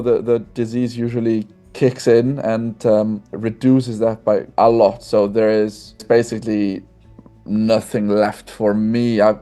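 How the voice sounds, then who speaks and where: Young Icelandic man, low mellow voice. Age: 20s. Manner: friendly, open, with frequent restarts. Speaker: podcast guest. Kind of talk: casual conversational interview. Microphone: video call.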